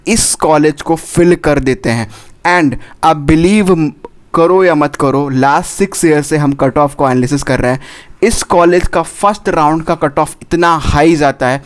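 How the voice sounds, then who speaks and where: A young man giving admissions counselling advice, speaking urgently and repeating his warnings, with English words mixed into his Hindi. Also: on the high side. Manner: urgent, repetitive, warns directly, drops English words into Hindi.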